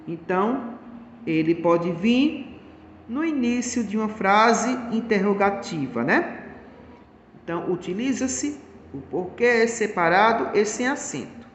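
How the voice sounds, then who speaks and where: Slow, high-voiced man teaching grammar. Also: a bit bright, a little hiss or hum. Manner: slow, explanatory, repeats points. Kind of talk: grammar lesson. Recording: echoey room, long reverb.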